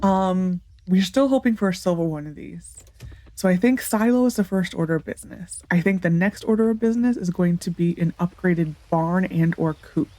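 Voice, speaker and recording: A let's play gamer with a fairly low, dark voice talks at normal speed, sounding congested and nasal, with no echo. She casually comments on a farming game as she plays, thinking aloud and frequently saying um or starting over.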